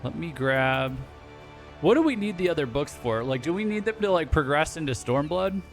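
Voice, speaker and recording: A chatty male streamer reacts to his game and answers chat in a loose, casual way. His voice sits a little high. Soft music plays quietly under him. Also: expressive, normal speed.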